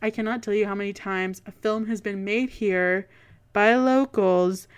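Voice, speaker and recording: A woman with a Canadian accent and a clear, smooth voice, co-hosting a podcast and telling local ghost lore in a conversational way. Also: medium pitch, steady tone, a little slow. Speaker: podcast co-host.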